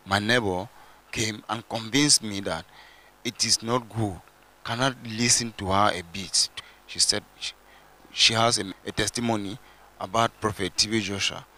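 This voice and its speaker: Young man from Cameroon, lowish voice, bright edge, earnest testimony, handheld mic. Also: steady tone, normal speed. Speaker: church testimony giver. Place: large church stage indoors.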